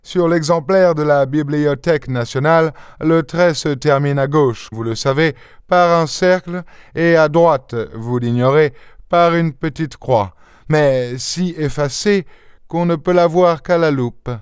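A man reading the part of Sherlock Holmes, voicing the calm English detective with dry, assured precision. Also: fairly high pitch, measured pace, smooth, dry recording, pitched above the performer's own voice, natural voice. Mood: explaining. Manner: assured, dryly amused, explaining with precision. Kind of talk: audiobook character voice.

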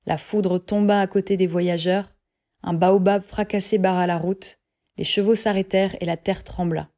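A woman narrating a literary audiobook in a measured, even reading voice. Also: medium pitch.

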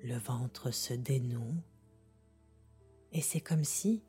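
A woman softly guiding a sleep meditation like a sleep story narrator, half-whispering in a calm, gentle, unhurried way. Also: very deep voice. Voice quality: soft, breathy, half-whispered. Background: music.

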